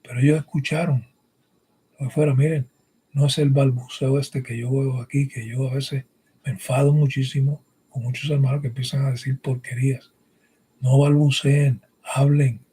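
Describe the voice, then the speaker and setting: The recording is poor, carrying a man's mellow, husky mid-range voice at a moderate pace and level tone. Bilingual in English and Spanish from childhood, he delivers an emphatic teaching sermon with scripture reading, frequently tossing out brief rhetorical questions.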